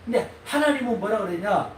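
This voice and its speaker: A man preaching a sermon to his congregation as pastor, animated and often prodding listeners with quick questions. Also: high voice. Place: church sanctuary. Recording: echoey hall, mic far off, faint noise.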